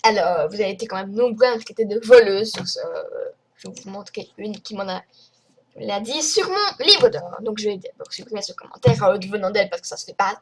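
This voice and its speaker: A woman's voice: medium pitch, a little hiss or hum. A young woman from France ranting to her viewers in a rambling, indignant way, full of fillers. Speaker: vlogger. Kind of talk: casual screen-recorded rant.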